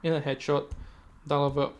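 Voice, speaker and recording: With a clean tone, a male esports commentator narrates a live match in quick play-by-play, fumbling words and fixing them mid-stream. His voice sits slightly high for a man, and he wanders into casual asides and erupts in sudden excitement.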